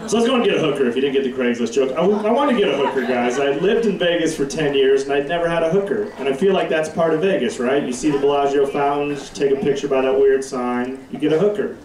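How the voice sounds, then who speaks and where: A man's voice: fairly high pitch, quick pace, few pauses, a crowd in the background. A man from Wyoming telling a brash, profane stand-up story on a comedy club stage. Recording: echoey live club recording from far off.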